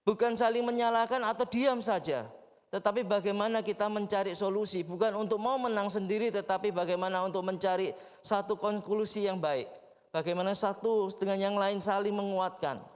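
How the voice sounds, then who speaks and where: High-voiced male pastor preaching. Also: moderate pace, smooth. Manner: animated storytelling, acting out quoted voices; addresses congregation directly with questions. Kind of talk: sermon. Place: church sanctuary. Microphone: livestreamed service mic. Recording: long church hall reverb.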